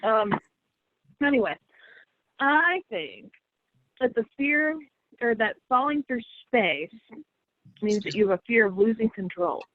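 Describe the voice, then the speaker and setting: A woman's voice: a little high, animated, measured pace, pauses often, dry recording. A woman panelist on a video-call game show, eager and nerdy in her answers. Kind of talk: casual game chat over a video call. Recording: tinny phone-like call audio.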